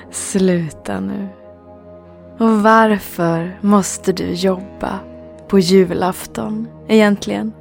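A faintly gravelly, mid-pitched woman's voice, an actress playing the hero's loving partner in a video game. She speaks gently and chattily, with soft music behind her. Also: fairly even intonation, long pauses, natural voice. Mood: gentle. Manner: gentle, conversational.

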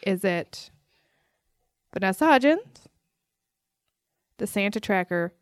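A woman's voice: medium pitch, lively intonation, takes it slowly, no echo, studio quality. A woman co-hosting a podcast, telling stories and running a quiz game with lots of laughing. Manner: giggly, storytelling. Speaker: podcast co-host, game runner. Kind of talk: casual chat.

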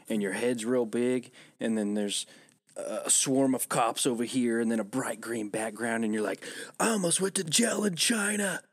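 A man's voice: medium pitch, no echo, clean studio sound. A young man chatting casually, rambling and joking with a bit of swearing. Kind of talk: casual chat.

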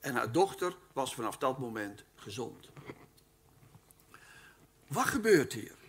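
A man giving a Bible teaching lecture at a live event, speaking in an animated, emphatic way and addressing his listeners formally. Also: mid-range voice, takes it slowly, slightly rough. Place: live talk at a weekend event.

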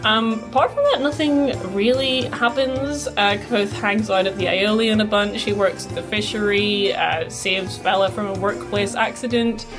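A woman's voice: medium pitch, steady tone, measured pace, few pauses, music in the background. A woman hosting a casual book podcast, giving playful, rambling chapter summaries. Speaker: podcast host.

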